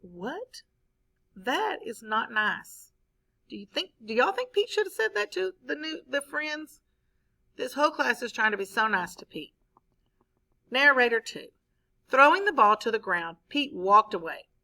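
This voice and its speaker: Woman teacher, bright voice, fairly high, reads a story aloud to her class, expressive, asks questions. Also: normal speed, vocal fry, poor audio.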